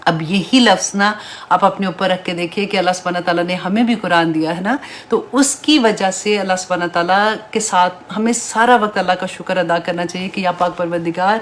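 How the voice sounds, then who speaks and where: A woman's voice: medium pitch, slight background noise. Woman teaching Quranic exegesis. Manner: reads Arabic verses then explains in Urdu; warm, encouraging teaching tone with tag questions. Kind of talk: Quran tafsir class.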